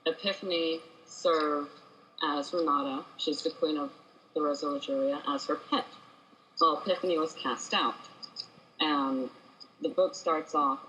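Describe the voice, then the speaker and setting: A woman's voice: sits low, fairly bright tone, a little hiss or hum, poor audio. A woman author, a guest on a podcast, chatting casually from home and laughing as she rambles through her explanations. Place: home room with cats and girlfriend.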